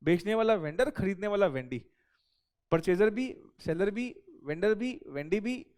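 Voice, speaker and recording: High-voiced man teaching accounting. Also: animated, unhurried, darkish tone. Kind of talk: recorded classroom lecture.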